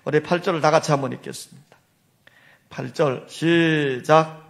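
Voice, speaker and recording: A woman's voice: low voice, fairly even intonation, normal speed, creaky. A woman senior pastor preaching a sermon, telling stories and addressing the congregation directly. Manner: storytelling, addresses congregation, leads call-and-response.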